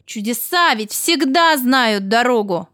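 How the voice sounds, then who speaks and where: A friendly little storybook vehicle, upbeat and comforting, as a woman narrator puts it on. The voice is raised a little above her usual tone and lifts warmly on its lines. It is recorded close and dry. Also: a little high, animated, slow, no room sound, heavily acted. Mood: cheerful. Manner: warm, reassuring, upbeat. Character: kindly humming little vehicle, good-natured friend. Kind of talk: storybook character voice.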